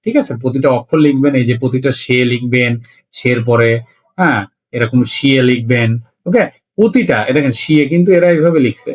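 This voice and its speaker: A man teaching a beginner language lesson, slowly spelling out words letter by letter and often checking in with his listeners. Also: mid-range voice. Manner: slow, repetitive spelling out letter by letter.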